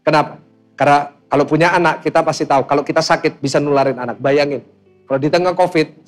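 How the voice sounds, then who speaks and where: A young man preaches with an Indonesian accent, emphatic and calling on his listeners to answer back. His voice sits a little high for a man. Soft instrumental music plays faintly beneath the sermon. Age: young adult. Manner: emphatic, calls on the congregation to answer. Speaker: pastor.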